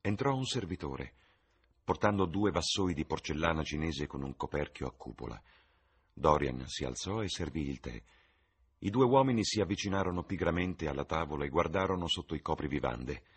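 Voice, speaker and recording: A man reading a novel aloud as an audiobook, with expressive, varied narration. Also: rumbling low, moderate pace, breathy edge. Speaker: reader.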